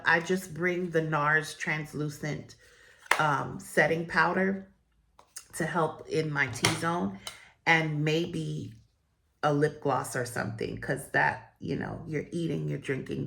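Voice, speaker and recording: A woman chatting casually while doing her makeup for viewers, rambling and friendly, with a croaky morning voice. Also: low-pitched. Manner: chatty, rambling, warm sign-offs to viewers. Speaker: beauty vlogger and host. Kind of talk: chatty get-ready-with-me talk.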